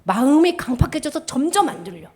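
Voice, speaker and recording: A woman preaching a children's sermon, telling a Bible story in an animated way, acting out the characters and sound effects. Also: high voice, brisk.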